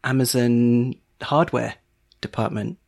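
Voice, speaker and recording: A man's voice: medium pitch, steady tone, takes it slowly, creaky, a little mellow. A man co-hosting a podcast in casual chat, with an understated, slightly hesitant, teasing manner. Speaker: podcast co-host.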